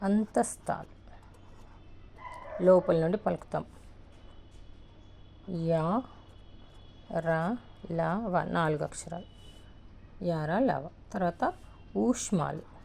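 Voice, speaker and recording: Slow Telugu woman teaching the alphabet. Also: fairly low pitch, creaky, darkish tone, slight background noise. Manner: slow, repeats letters one by one. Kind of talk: alphabet lesson, writing on a board.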